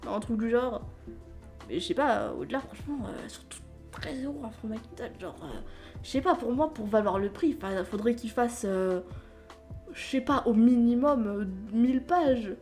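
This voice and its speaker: A woman's voice: fairly high pitch, a little mellow. A woman chatting casually as a book vlogger, rambling, stumbling over words and laughing at herself. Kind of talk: casual chat.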